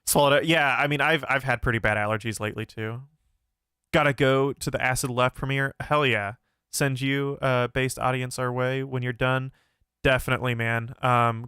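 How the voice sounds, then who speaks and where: Hosting a philosophy livestream, a young man answers chat in a laid-back, considered way, often using fillers and restarting. His medium-pitched voice is pushed and bright, clear and resonant, and somewhat nasal, at normal speed. Clean studio sound, no echo.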